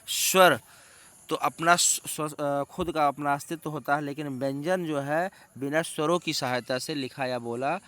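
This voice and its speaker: A man's voice: mid-range voice, bright, forceful tone. A man teaching grammar in a classroom lecture, asking questions and answering them himself, with English terms mixed in.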